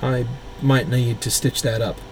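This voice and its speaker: A man voicing a mild, quiet young male scholar who has just been beaten in a fight. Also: mid-range voice, fairly even intonation, a little slow, noisy background, lightly acted. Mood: weary.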